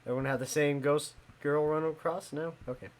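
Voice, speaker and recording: A man's voice: fairly high pitch, fairly even intonation. Chatty young male game streamer. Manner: chatty, talks to chat, quick laughs. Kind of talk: casual live game commentary.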